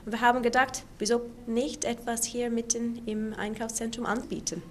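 A woman's voice: fairly high pitch, steady tone, normal speed, a little hiss or hum. A woman who leads an integration project, explaining its idea in an interview with some fillers. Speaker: project leader. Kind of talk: interview answers.

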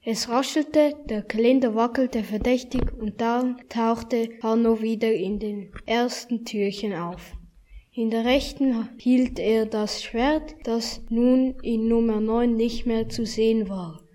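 A woman reading a children's story aloud in a gentle, expressive manner. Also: a little high, slow pace. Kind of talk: scripted storybook narration.

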